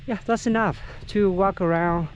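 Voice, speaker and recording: A middle-aged local guide whose first language is Vietnamese narrates a casual vlog on countryside trails, speaking unhurriedly and haltingly with lots of fillers. His voice is high, the highs are cut off, and there's slight background noise.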